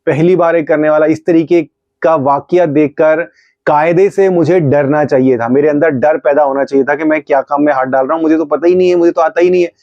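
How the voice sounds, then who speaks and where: A middle-aged male pastor preaching a testimony with fervent, storytelling energy, voice pitched a touch high. His tone is mellow rather than bright. The recording is slightly dull and dry, with no room around it. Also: steady tone, fairly quick, no echo. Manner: fervent storytelling, acts out his own rebukes. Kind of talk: testimony sermon.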